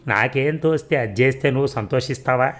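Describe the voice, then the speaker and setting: A man's voice: medium pitch, brisk, close to an everyday voice. A man voicing a stern, short-tempered old family man who keeps demanding answers in a storybook reading. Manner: nagging, demanding questions.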